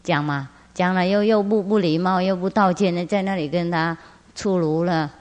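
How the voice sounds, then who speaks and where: Spiritual master, woman, lower voice, chatty teaching talk full of tag questions, in a reverberant hall. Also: normal speed, darkish tone. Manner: frequent laughter, rhetorical tag questions. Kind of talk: Buddhist teaching talk with storytelling.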